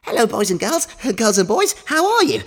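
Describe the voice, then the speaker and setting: A woman's voice: fairly high pitch, very animated, moderate pace. A woman voicing a boastful, gleeful magical tooth-collecting mouse for a children's story, exclaiming and giggling like an overbright party host. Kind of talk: children's storytelling for a listening exercise.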